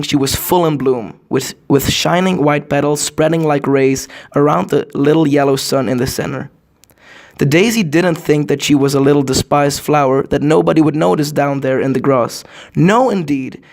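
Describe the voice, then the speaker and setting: Male fairy tale narrator, storybook-opening delivery, gravelly edge, expressive and direct to the listener. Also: on the high side, normal speed. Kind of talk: fairy tale read aloud.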